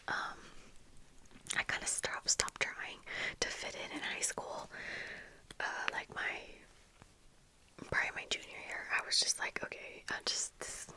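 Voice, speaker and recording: A young adult ASMR video creator whispers breathily and close to the mic, rambling softly and unhurriedly through a casual get-ready-with-me chat. She's in a small room at home with bookshelves, using a close fluffy-covered microphone monitored on earphones, and the recording is low quality.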